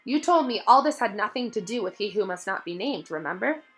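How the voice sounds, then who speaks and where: A woman's voice: mid-range voice, lively intonation, fairly quick, close to an everyday voice. A woman voicing an earnest, plucky schoolboy in a direct way. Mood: friendly.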